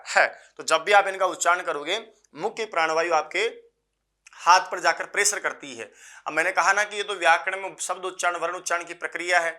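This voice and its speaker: A male Sanskrit teacher gives an exam-prep grammar lecture in a bright, fairly high voice. He repeats phrases slowly and answers his own questions, and he slips in homely jokes for his students. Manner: folksy jokes, addresses students as sir.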